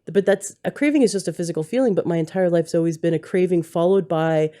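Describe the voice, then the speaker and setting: A woman podcast host with a lowish, mellow voice, talking candidly in a loose, rambling way. She tells her own story with plenty of restarts and self-corrections. She is recorded at home on a handheld mic. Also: quick pace. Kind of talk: candid conversational interview. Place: home setting, husband holding the mic.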